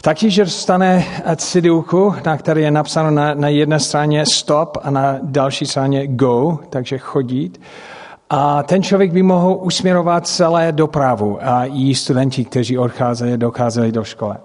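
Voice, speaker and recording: A middle-aged man, a native English speaker speaking with an English-speaking accent, preaches through personal stories, haltingly searching for words and making grammatical slips. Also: on the high side, fairly even intonation, darkish tone. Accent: English-speaking accent in Czech. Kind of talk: sermon with personal storytelling. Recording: long hall reverb.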